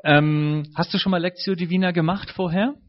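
A man with a slightly high voice leads a relaxed group discussion. He asks short questions and keeps up steady praise. The recording sounds dull and lo-fi. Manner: encouraging, quick praise. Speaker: group leader.

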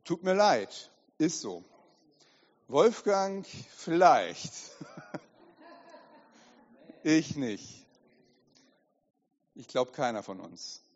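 A man preaching as a pastor, lively and direct, often asking the congregation questions, recorded in an echoey hall with dull sound. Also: on the high side, drawn-out words, pauses often. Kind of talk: sermon.

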